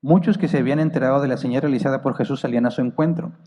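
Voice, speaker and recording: A man's voice: medium pitch, racing, mellow, in a large hall. A male pastor teaching a Bible lesson, reading commentaries aloud and asking his listeners questions. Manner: explains verses and commentaries, asks the listeners questions. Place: church.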